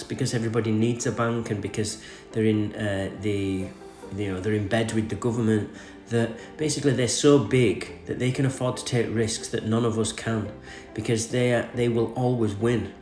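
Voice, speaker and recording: A man's voice: lowish voice, fairly even intonation, moderate pace, hardly any pauses, darkish tone, faint music behind. An English man with a groggy, sore-throated voice from a cold, hosting a news show where he reads articles and comments on them. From England. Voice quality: slightly groggy, congested from a cold. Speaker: podcast host and crypto news commentator. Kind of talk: reading an article aloud with off-the-cuff commentary. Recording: echoey room.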